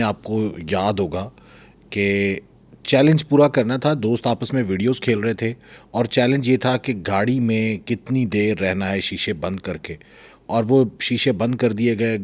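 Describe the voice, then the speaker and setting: A man hosting a talk show, asking his questions in a calm, steady way. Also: fairly low pitch. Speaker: host.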